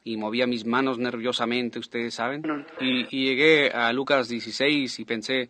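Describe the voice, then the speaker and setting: A man dubbing a preacher's sermon into Spanish, telling a personal story in an animated way and acting out the quotes. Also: medium pitch, moderate pace, a little hiss or hum.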